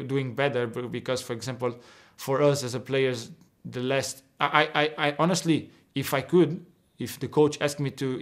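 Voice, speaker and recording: A young man whose first language is Portuguese, a footballer answering interview questions earnestly over a video call, often restarting and repeating words. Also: mid-range voice. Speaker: footballer guest. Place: indoor locker room.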